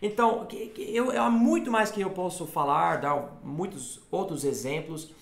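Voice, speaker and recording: Creaky-voiced man teaching. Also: on the high side, reverberant. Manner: explains slowly, repeats words for contrast. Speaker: English teacher and co-host. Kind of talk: casual bilingual lesson chat.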